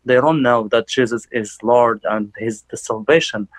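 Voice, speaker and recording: Young man from Algeria, church testimony, halting delivery with fillers, dry close sound. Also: medium pitch, no echo, poor audio. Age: young adult. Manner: halting, many fillers and restarts. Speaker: church member giving testimony. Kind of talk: personal testimony.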